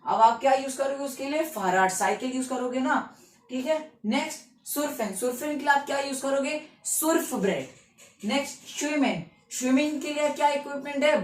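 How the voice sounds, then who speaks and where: A woman teaching German vocabulary in Hinglish in a classroom style, explaining patiently and quizzing the listener with repeated questions. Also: high voice. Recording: echoey room, mic at a distance.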